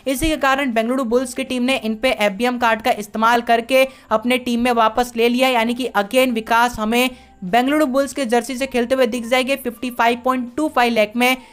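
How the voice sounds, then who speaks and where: A woman's voice: on the high side, steady tone, fairly quick, clear, resonant tone. A woman narrating a voice-over recap of a sports auction, listing results one after another and mixing English words into her Hindi.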